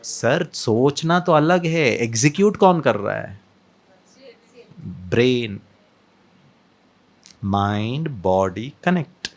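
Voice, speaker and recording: Gravelly man giving a lively talk. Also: mid-range voice, drawn-out words, long pauses. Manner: mixes Hindi and English, asks the audience questions, acts out scenes. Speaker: spiritual speaker. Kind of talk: lively motivational talk to an audience.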